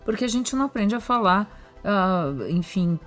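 A Brazilian woman of middle pitch chats on a podcast with a curious, animated manner. She jumps in often with questions and personal examples. Faint music plays softly behind her. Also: normal speed. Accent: Brazilian Portuguese. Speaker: podcast co-host. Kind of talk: casual conversational chat.

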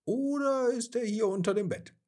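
A man voicing a gentle, playful mother coaxing her child to bed, in a coaxing singsong. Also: extremely high pitch, normal speed, pitched above the performer's own voice.

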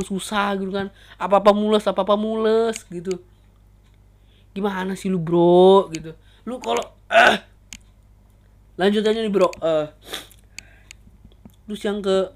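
Blunt vlogger ranting. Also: medium pitch. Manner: blunt, crude slang, stumbling restarts. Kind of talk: casual ranting monologue.

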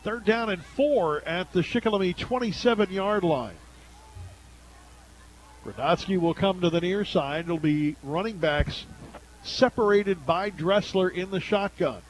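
Calling a football game live on radio, this American play-by-play man narrates every play in short, clipped commentator style. He speaks at a measured pace in a voice that runs fairly high for a male, and the recording quality is low.

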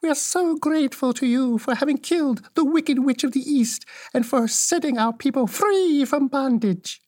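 A reader putting on a sweet, calm little old witch. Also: moderate pace, lightly acted. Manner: high, sweet, gently cheerful.

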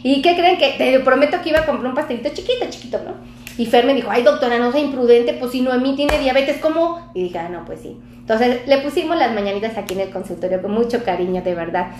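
A woman's voice: high voice, animated, quick pace, darkish tone, roomy sound, slight background noise. A Mexican woman doctor chatting casually on a live stream with a Mexican accent, effusive and chatty as she reads out viewer comments. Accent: Mexican Spanish.

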